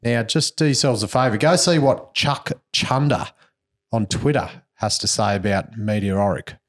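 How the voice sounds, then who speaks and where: A man's voice: fairly low pitch, moderate pace. Laid-back Australian man hosting a podcast. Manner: laid-back, blokey, slangy. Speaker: podcast host. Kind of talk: casual chat and news recap.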